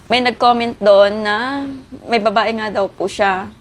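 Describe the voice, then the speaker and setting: With a steady tone and a measured pace, a woman with a mid-range voice gives a tearful personal account in an interview. She stays polite and addresses the interviewer as ma'am, though she is emotional and near tears; slight background noise is present.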